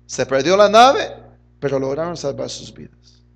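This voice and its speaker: High-pitched pastor guy preaching hard, gets loud then drops way soft, keeps calling folks brother. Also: very animated, normal speed, creaky. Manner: fervent, swings between loud and soft, often says "hermano". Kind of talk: sermon.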